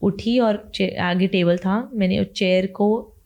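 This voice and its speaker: A woman's voice: medium pitch, fairly even intonation, slow, darkish tone, lo-fi sound. A young woman, an interview guest, telling her life story in an emotional, chatty way and mixing in English phrases. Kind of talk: casual interview talk.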